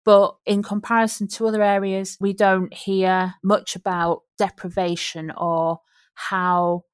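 A woman's voice: medium pitch, level tone, unhurried, clear, resonant tone, no echo, studio quality. A woman from Yorkshire, a researcher and book author, talking in a panel discussion with frequent restarts. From Yorkshire, England.

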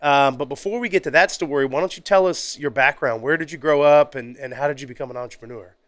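A man's voice: medium pitch, fast, fairly bright tone, no echo. A man hosting a casual interview show, chatty and jokey, often laughing as he talks. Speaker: podcast host.

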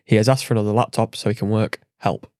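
A man's voice: lowish voice, fairly even intonation, darkish tone, no echo. Man co-hosting a podcast, dry sound. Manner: playful, brisk interjections. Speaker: podcast co-host. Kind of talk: casual chat, reading out a listener email.

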